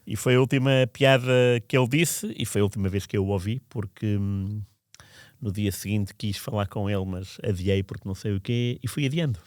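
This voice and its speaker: The podcast storyteller here is a man with a fairly low voice who speaks a little fast. He reminisces in a casual, reflective, rambling way, often restarting sentences, and the recording is studio quality with no echo.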